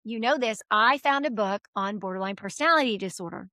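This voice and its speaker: Lively, bright-voiced middle-aged mother. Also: medium pitch, brisk, no echo. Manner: animated storyteller acting out quoted voices. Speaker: interview guest, mother. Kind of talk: casual chat.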